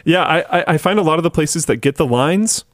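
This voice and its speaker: A man's voice: a little high, expressive, fairly quick, dry recording, studio quality. Rambling, laughing man co-hosting a show. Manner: rambling, laughs often, lots of fillers. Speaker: podcast co-host. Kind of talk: casual chat.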